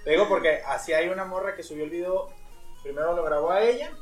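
A man's voice: high voice, quick pace, faint music behind. A man with a Mexican accent, co-hosting a podcast in casual banter, playful and teasing. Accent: Mexican Spanish. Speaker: podcast co-host.

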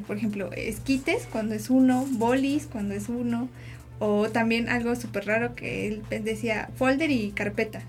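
A young woman hosting a casual chat, curious and prompting her guests with questions. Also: a little high. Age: young adult. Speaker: host.

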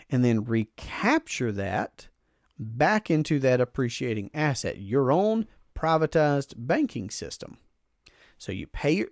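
A man's voice: mid-range voice, darkish tone, no echo, clean studio sound. A man giving an emphatic, explanatory talk about personal finance, repeating phrases for stress and restarting his sentences. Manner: frequent self-restarts, casual asides. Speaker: finance educator.

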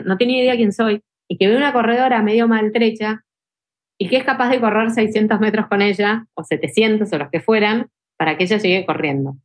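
Animated Rioplatense woman telling stories. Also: medium pitch. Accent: Rioplatense Spanish. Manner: animated, emotional, full of fillers like "tipo" and "este". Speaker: ultra trail runner guest. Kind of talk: casual podcast storytelling.

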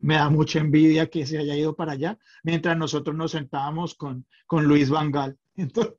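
Middle-aged man, podcast guest, halting delivery, lo-fi recording. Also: fairly high pitch, level tone, a little mellow. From Colombia. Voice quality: hesitant, many fillers and restarts. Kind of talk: casual chat.

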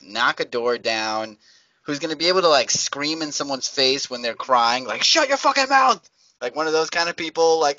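A man co-hosting a casual podcast chat, animated and acting out shouted movie-style lines. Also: medium pitch, no room sound. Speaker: podcast co-host. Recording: slightly dull podcast audio.

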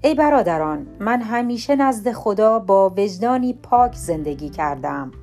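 A woman reading the lines of the apostle Paul, a steadfast and outspoken man on trial, in an earnest, measured way. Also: mid-range voice, animated, a little mellow, faint music behind, close to an everyday voice.

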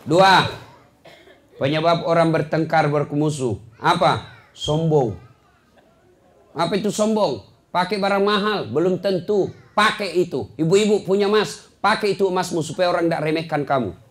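A man's voice: fairly high pitch, moderate pace. A man preaching a humorous sermon to a congregation, joking and scolding in turn, from Sulawesi. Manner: joking, scolding, mocks boastful people in put-on voices.

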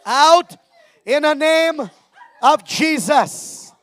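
A man preacher shouting deliverance prayers, commanding spirits out in slow, repeated chant-like phrases. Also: extremely high pitch, lively intonation, no echo.

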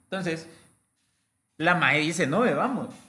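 A man's voice: on the high side, animated, takes it slowly, sharp tone, roomy sound. A young man, telling a crude, slang-filled story as podcast co-host. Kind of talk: casual storytelling chat.

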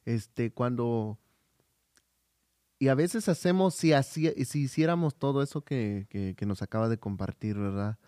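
A man's voice: medium pitch, unhurried, warm tone, clear, resonant tone, no echo, clean studio sound. A man co-hosting a podcast in casual chat, hesitant with frequent fillers and restarts, telling personal stories. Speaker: podcast co-host.

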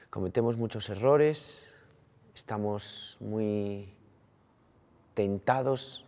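A man, a priest from Colombia, giving an earnest, slow-paced Sunday sermon and addressing his listeners as brothers. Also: lowish voice, gravelly, mellow, long reverb tail.

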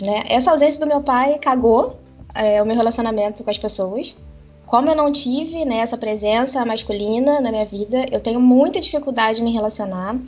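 A woman in casual chat, candid and animated, laughing often. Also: a little high. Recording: dull lo-fi sound with faint music.

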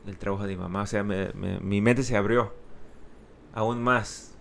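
A man talks casually about himself in a low, creaky voice. He halts, doubles back on words and mixes in Spanglish. There is faint background noise. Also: steady tone, fairly bright tone. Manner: halting, repeats and restarts words, code-switches into Spanglish. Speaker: interview guest. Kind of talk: casual personal storytelling.

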